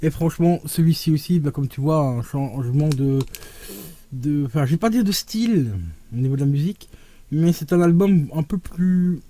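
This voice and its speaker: A man's voice: normal speed, slight background noise. A man chatting casually and enthusiastically to his viewers as he shows off his vinyl collection, talking to them like friends. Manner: animated, with sudden rises and drops in pitch and loudness. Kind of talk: casual unboxing vlog.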